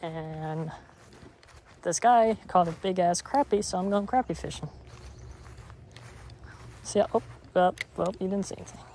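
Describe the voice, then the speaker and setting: A man with a high-pitched, darkish voice speaks at a measured pace, pausing often, over a slight hiss or hum. He's a fishing vlogger at a pond, rambling offhandedly and correcting himself as he goes. The casual commentary is captured outdoors on a chest-mounted camera.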